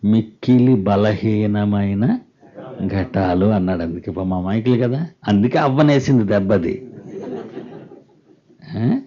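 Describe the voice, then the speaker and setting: A male pastor delivers a sermon in a lowish, warm voice, though the audio is dull. He frequently poses rhetorical questions to the congregation and reads scripture slowly and weightily.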